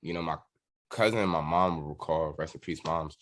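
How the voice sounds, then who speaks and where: An American man from the Washington DC area, a drummer appearing as a musician guest, speaks in an extremely low, slightly bright voice at a fairly quick clip. He tells stories candidly and with plenty of slang in a casual interview.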